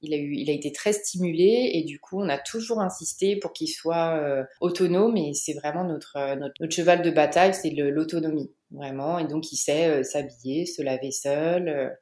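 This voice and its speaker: A woman from the Paris region in her thirties, telling her family story as a podcast guest, with frequent pauses and fillers. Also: low voice, dark tone, roomy sound. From Paris region, France. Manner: hesitant, many "euh" fillers and restarts. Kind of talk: podcast interview, personal testimony.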